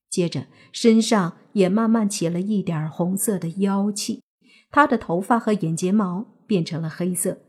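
Husky woman narrating a novel. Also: mid-range voice, darkish tone. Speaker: audiobook narrator.

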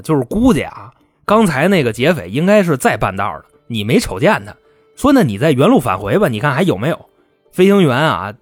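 Podcast host, male, casual storyteller who acts out the people in the story, animated delivery, faint music underneath. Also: fairly high pitch, no echo. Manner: colloquial, salty, acts out the quoted people. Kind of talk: casual true-crime storytelling.

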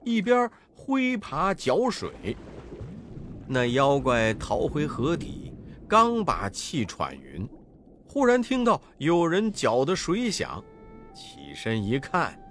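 Slow, expressive storybook narrator, man. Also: fairly high pitch, slight background noise.

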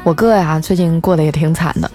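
A woman's voice: low-pitched, quick pace, dark tone, soft background music. A woman host telling a comic story in a wry, chatty, colloquial way.

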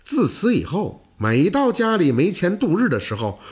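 A man's voice: high voice, huge pitch swings, moderate pace, darkish tone, husky. A man narrating a folk tale in a dramatic storytelling manner.

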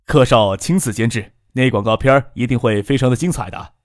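A man's voice: mid-range voice, fairly quick, no echo, close to an everyday voice. Affable middle-aged businessman, read by a man for an audiobook. Friendly and probing. Dry sound.

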